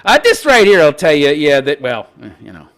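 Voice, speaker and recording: Animated, brash man giving mocking commentary. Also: a little high, fairly quick. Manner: brash, mocking, coarse-mouthed. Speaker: host of a commentary channel. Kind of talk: unscripted opinion commentary, reading out and mocking a news story.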